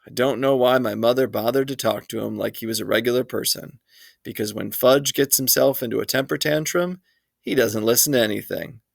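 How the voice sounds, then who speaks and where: A man reads a children's chapter book aloud in steady first-person storytelling. His middle-pitched voice has a gravelly, creaky texture, and the sound is dry and close with no room echo. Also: brisk. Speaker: reader.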